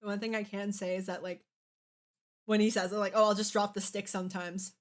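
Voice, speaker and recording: A woman gives casual, opinionated commentary in the manner of a fan reviewer. Her delivery is halting, with false starts and frequent filler words as she works out her point. Her pitch sits in an average range for a woman. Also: flat delivery. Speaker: anime reviewer.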